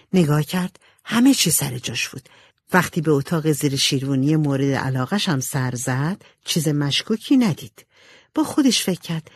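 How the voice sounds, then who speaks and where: A woman narrates a storybook with lively, expressive intonation. Her voice is low-set and husky. The recording is dry and close. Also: dry recording. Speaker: audiobook narrator. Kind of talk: scripted narration.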